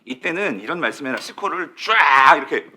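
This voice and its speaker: A man's voice: fairly high pitch, lively intonation, a little fast, bright, forceful tone. A male pastor preaching a sermon to his church in a sanctuary, asking the congregation questions, answering them himself and repeating key words for emphasis.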